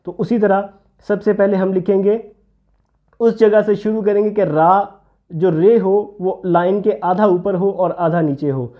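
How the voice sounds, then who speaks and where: A man's voice: steady tone, narrow, tinny audio. A man teaching handwriting step by step, patiently explaining each stroke as he writes. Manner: patient, explains while writing, drops low for "see this". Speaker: calligraphy teacher.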